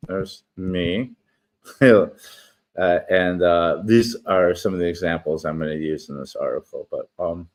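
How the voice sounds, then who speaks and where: A middle-aged man whose speech is slurred and thick from a swollen tongue, talking casually and reading his own writing. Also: sits low. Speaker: writer and online host. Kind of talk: casual talk and reading own article aloud.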